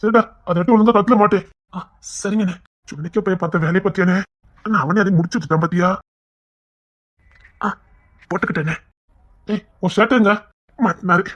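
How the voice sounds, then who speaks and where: A woman with a husky voice carries a family serial on her own, playing every part. She moves from stern, brotherly scolding to soft, coaxing tenderness. Her pitch sits in an ordinary middle range. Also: a little fast, long pauses, dull audio. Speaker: storyteller voicing a whole family.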